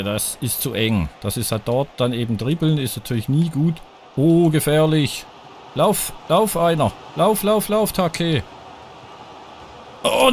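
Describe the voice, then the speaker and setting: A man's voice: mid-range voice, slight background noise. A man commenting live on his own football video game, cheering and groaning at each chance and talking to his viewers. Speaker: gaming YouTuber playing a football video game. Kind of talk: live let's-play commentary.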